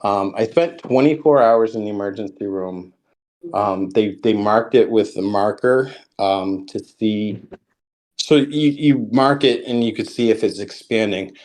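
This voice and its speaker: A man's voice: lowish voice, measured pace, darkish tone. A man, a podcast guest, telling a long story in a casual way, full of ums and restarts. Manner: rambling, with many ums and restarts.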